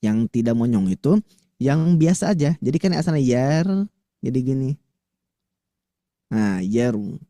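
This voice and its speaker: A man teaching Quran recitation to women in a lively, chatty way, slowly demonstrating letter sounds. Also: mid-range voice, no echo, clean studio sound. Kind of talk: tajwid lesson to women listeners.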